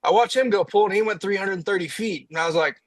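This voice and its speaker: Young indiana guy on a podcast, kinda high voice, acts out what everyone said, dry sound. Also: quick pace, no room sound, rough recording. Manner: lively storyteller who acts out his own quotes. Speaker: podcast guest, diesel truck racer. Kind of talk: casual storytelling chat.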